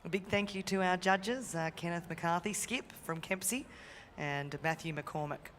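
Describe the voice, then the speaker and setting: A woman's voice: fairly low pitch, measured pace, fairly bright tone. An Australian woman presenting a live event as host and co-announcer over an arena PA. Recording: reverberant arena PA with background noise.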